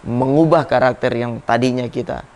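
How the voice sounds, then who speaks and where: A man's voice: mid-range voice, fairly even intonation, a little mellow. A man in his thirties, a former football captain, reflectively telling stories as an interview guest. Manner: reflective, halting with restarts. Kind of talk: casual interview storytelling.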